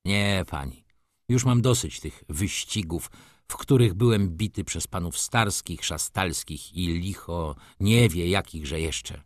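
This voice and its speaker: A man's voice: deep voice, takes it slowly, dry recording, studio quality. A man reading an audiobook, voicing a bitter, brooding middle-aged merchant who speaks in a restrained, cool way. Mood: cold bitter.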